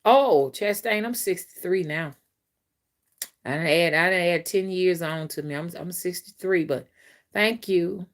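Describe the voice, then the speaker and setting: A woman on the low side of the register speaks in an unhurried way during an informal spiritual live stream on her phone. She rambles repetitively, turning to her viewers directly and reading their comments out.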